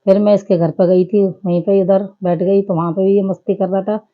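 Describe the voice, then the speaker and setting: A woman's voice: medium pitch, little pitch movement, brisk, dull audio. A woman in her thirties giving a chatty, homely running commentary over her family vlog. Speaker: family vlogger.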